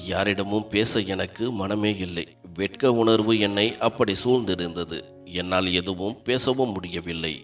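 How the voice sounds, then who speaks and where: A man reading a first-person story aloud as scripted narration, in a slow, somber confessional manner. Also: lowish voice, a bit bright. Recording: dull lo-fi audio with faint music.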